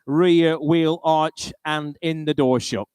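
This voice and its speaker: A British man with a fairly high, very clear voice works as an auctioneer. He rolls through lots and repeated bid figures in a practised calling style, slipping in chatty, wry remarks. The sound is close and dry. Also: steady tone, takes it slowly, darkish tone, dry recording. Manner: informal, chatty, wry asides between bids. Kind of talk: live auctioneering, rolling bid-calling chant with repeated prices.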